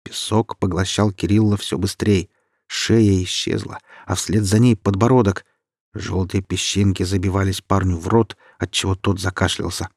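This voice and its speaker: Husky low male storyteller. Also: little pitch movement, moderate pace, no room sound, studio quality. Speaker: narrator. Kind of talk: scripted audiobook narration.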